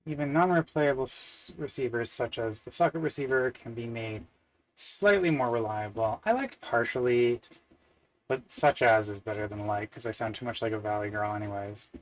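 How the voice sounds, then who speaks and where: Keyboard clatter accompanies a man from Canada who live-streams his coding, mumbling his thoughts with many fillers and dry jokes at his own expense. He speaks at a moderate pace with a medium pitch, and the recording is rough.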